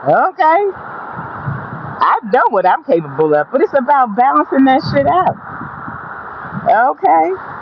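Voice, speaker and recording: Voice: sits high, sing-song, a little slow, vocal fry, long pauses. A person giving a blunt, emphatic, profane motivational monologue while out walking, repeating phrases to drive points home. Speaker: motivational vlogger. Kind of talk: motivational monologue, casual straight talk. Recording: dull lo-fi audio, faint background noise.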